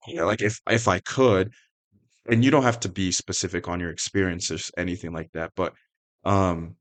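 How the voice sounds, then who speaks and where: Lower-voiced man hosting a podcast. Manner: relaxed, conversational, reads listener questions aloud. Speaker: podcast host. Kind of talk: casual podcast conversation.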